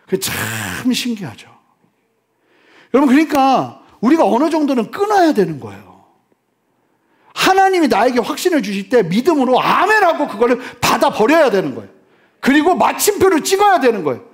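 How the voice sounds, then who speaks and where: Animated high-voiced male pastor preaching. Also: moderate pace. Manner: animated, swinging from loud exclamations to hushed near-whispers. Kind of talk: sermon.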